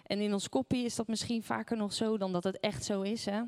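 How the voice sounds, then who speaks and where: A woman's voice: medium pitch, steady tone, brisk, darkish tone. A woman preaching a sermon, telling a personal story and asking the listeners questions along the way.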